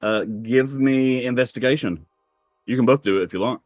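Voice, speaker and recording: A man's voice: mid-range voice, moderate pace, no room sound, muffled recording. A man running a tabletop role-playing game as game master, narrating in a casual, conversational way. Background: music.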